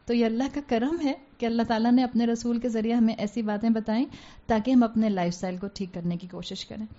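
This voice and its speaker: A woman with a slightly high but dark, mellow voice delivers a religious lecture. She speaks earnestly, urging her listeners on and posing rhetorical questions. The recording sounds dull and lo-fi. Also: steady tone. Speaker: Islamic religious teacher.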